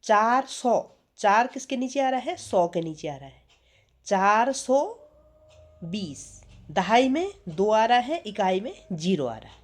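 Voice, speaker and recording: A woman's voice: medium pitch, very animated, slow. A woman teacher giving a patient math lesson, often checking in with her pupils and asking them questions. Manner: patient, repeats 'theek hai' and asks questions.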